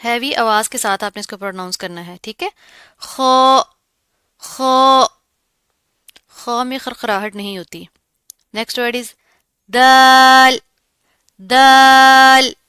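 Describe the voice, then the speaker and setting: Bright, crisp woman teaching letter sounds. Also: mid-range voice, dry recording, clean studio sound. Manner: explains, then pronounces each letter slowly and drawn out. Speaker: Quran recitation teacher. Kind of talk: pronunciation lesson.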